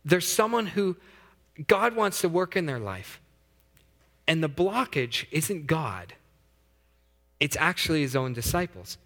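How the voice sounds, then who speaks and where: A man preaches to his congregation with a slightly high voice that carries through a long, ringing hall reverb. He talks it through conversationally and throws in sudden high and low swings to drive his points home. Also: a bit bright. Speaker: pastor. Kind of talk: sermon.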